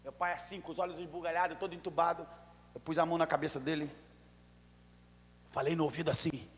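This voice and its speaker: A Brazilian pastor preaching in a church, his high-pitched voice carrying a long reverb through the hall. He tells his story dramatically, sinking to near whispers and then bursting into shouts. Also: steady tone, quick pace, slight background noise. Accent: Brazilian Portuguese. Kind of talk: sermon.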